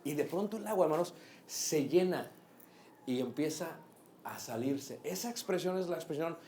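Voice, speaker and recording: A man preaching a sermon, lively and asking the congregation questions. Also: fairly high pitch, normal speed, roomy sound. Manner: animated, asks the congregation questions.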